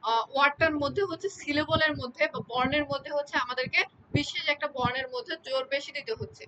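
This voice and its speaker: Woman lecturer, high-pitched, patient, repeats examples, checks in often, light hiss behind. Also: fast, highs cut off. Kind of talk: exam-prep lecture.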